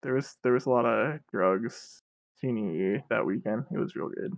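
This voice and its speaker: A man's voice: medium pitch, moderate pace, vocal fry, dry recording, low-quality recording. A young man co-hosting a podcast, chatting casually in an offhand, wry, dismissive way. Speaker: podcast co-host. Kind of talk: casual chat.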